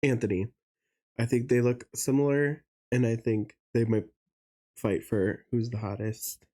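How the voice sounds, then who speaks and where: A man's voice: mid-range voice, steady tone, unhurried, mellow. A young adult man co-hosting a podcast, gossiping in casual chat with lots of fillers. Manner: chatty, gossipy, many fillers. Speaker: podcast co-host.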